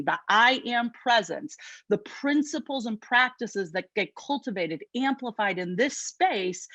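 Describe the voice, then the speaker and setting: A woman with a Chicago accent giving an inspirational talk as guest speaker at an online spiritual service, lively and conversational with quick asides. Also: fairly high pitch, dry recording, lo-fi sound. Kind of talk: inspirational sermon.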